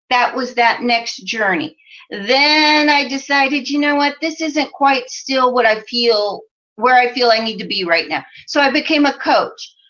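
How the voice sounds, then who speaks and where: A woman in her forties from the American Midwest talks on a live stream as a life coach, her voice bright and a little high. She chats loosely and reads out viewer comments, with plenty of "you know" and easy laughs. The audio is muffled and lo-fi. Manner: chatty, lots of "you know", laughs often.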